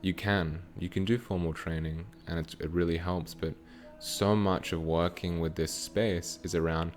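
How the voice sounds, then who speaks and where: Male spiritual teacher, very deep voice, channeled teaching, measured pacing, faint music bed. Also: fairly even intonation, darkish tone. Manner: slow, measured, broken into short phrases. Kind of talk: channeled teaching with guided meditation.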